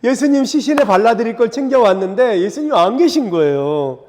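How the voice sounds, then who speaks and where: A man preaching a sermon as pastor, in a conversational way that keeps asking the congregation to agree, and he acts out the scripture voices with dramatic pauses. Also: extremely high pitch, expressive, darkish tone. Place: church sanctuary. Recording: reverberant church sanctuary.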